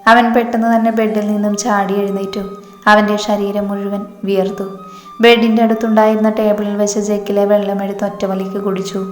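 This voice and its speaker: A woman storyteller narrating a story in a steady, even reading voice. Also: medium pitch, fairly quick. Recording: echoey room, long reverb, faint music.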